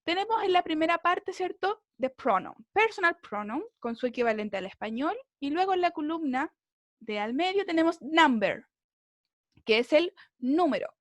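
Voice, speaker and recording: Over a video call, a woman who teaches English explains a lesson in a high, very animated voice at a moderate pace, with no echo. She stays patient throughout, often tacking on tag questions to make sure her students are following along in this online class.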